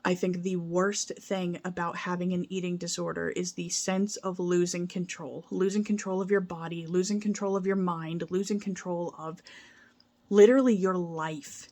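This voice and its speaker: A young woman speaks straight to her viewers in an earnest, rambling vlog, circling back on herself. Her voice sits a little low for a woman, and she is open and emotional. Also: little pitch movement, normal speed, darkish tone. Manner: earnest, rambling, emotional, with frequent restarts and laughs. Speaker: vlogger. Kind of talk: casual heartfelt vlog talk.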